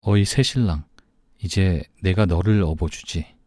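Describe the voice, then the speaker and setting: A man's voice: low-pitched, measured pace, no room sound, clean studio sound. A man voicing an affectionate, teasing young male friend in an audiobook. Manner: playful, warm-hearted.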